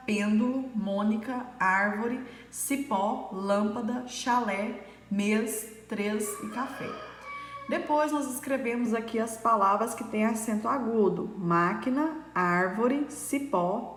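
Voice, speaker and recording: Woman teacher for a recorded lesson, unhurried and patient, recorded in a reverberant room. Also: on the high side. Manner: slow, patient, with frequent fillers. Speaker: primary school teacher. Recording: echoey room with long reverb.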